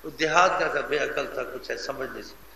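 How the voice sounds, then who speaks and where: A man delivers an animated storytelling sermon, his voice gravelly and pressed hard. He talks with emphasis. The recording echoes like a large hall, with faint ambience underneath. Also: mid-range voice, a little hiss or hum. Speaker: preacher.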